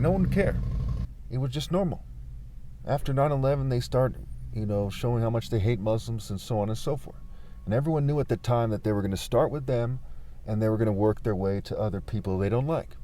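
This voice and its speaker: A man's voice: mid-range voice, mellow. A man giving an informal political monologue, argumentative, leaning on rhetorical questions and repeating his points. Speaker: political commentator.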